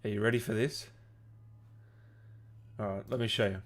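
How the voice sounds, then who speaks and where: In a lowish voice with a steady tone and moderate pace, a livestream host reads viewer comments. He chats with them casually and jokingly, like he's among mates.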